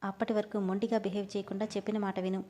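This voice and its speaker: A woman reading the lines of a calm, stern young husband in a storybook, lowering her voice and speaking firmly and steadily. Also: fast talker, natural voice.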